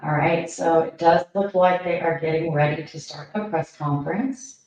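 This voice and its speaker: A woman's voice: low voice, moderate pace, a little mellow. A woman hosting a casual livestream, chatty with lots of fillers, her voice hollow as if talking through a tube. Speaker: livestream host. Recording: very echoey, distant, dull sound.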